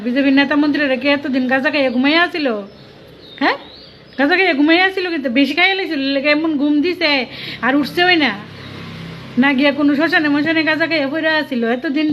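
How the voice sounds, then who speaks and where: A woman delivering a scolding, mocking political rant full of rhetorical questions. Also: high voice. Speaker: political commentator. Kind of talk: ranting political monologue. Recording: dull lo-fi sound.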